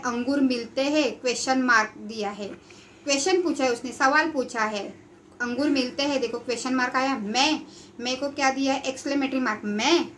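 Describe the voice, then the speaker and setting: A woman's voice: high-pitched, fairly bright tone, slight background noise. A woman schoolteacher giving a recorded class lesson, reading a story aloud and explaining each word in simple Hindi mixed with English. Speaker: school teacher.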